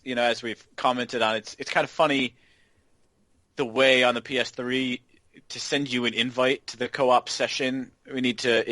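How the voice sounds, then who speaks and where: Co-host, man, halting delivery, dry close sound. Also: mid-range voice, pushed and bright, no room sound. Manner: halting, repeats words as he starts. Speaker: podcast co-host. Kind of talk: casual gaming podcast chat.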